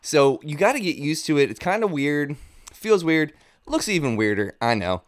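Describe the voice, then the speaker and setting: This guitar gear demo comes from a man in his thirties whose voice is a little high and sing-song, at a moderate pace. He talks casually and thinks out loud, recorded close on a boom-arm studio mic in a small home studio with no room sound.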